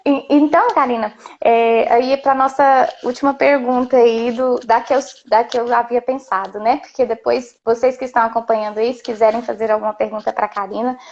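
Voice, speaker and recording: A woman hosts a live-stream interview in a high voice with a gravelly edge. She talks chattily, hesitating and filling gaps. The sound is dull and lo-fi. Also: fairly even intonation, a little fast, few pauses, darkish tone. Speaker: host.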